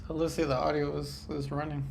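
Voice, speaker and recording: A man with a fairly high, gravelly voice talks fairly quickly while demonstrating painting on a livestream, easygoing and chatty as he responds to viewers. A sinus infection makes him sound congested and somewhat nasal; a little hiss or hum is audible.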